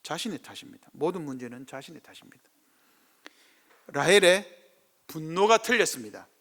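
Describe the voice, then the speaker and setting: A man's voice: on the high side, big pitch swings, moderate pace, fairly bright tone. A middle-aged male pastor with a Gyeongsang Korean accent preaching a sermon, acting out quoted speech in dialect.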